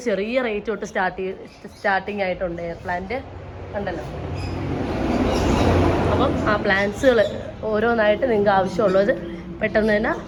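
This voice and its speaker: A woman's voice: medium pitch, a little hiss or hum. A woman casually chatting as she shows her plants and urges viewers to order, recorded at a plant nursery with muffled sound. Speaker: plant seller. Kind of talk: casual sales chat.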